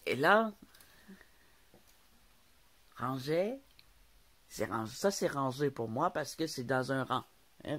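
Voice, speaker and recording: A vlogger with a Québécois French accent and a mid-range voice tells rambling stories in a casual video, laughing often and stumbling over some words.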